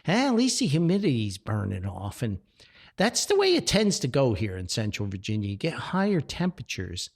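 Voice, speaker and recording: With huge swings in his medium-pitched voice, this man talks at a normal speed while hosting a solo podcast that includes sponsor reads. His style is folksy, rambling and jovial, packed with exclamations and chuckles.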